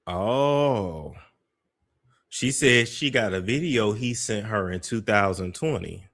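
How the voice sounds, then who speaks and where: A man hosting a commentary show reacts to a played clip with gossipy skepticism. His lowish voice is expressive and fairly bright, and he speaks at a slow pace.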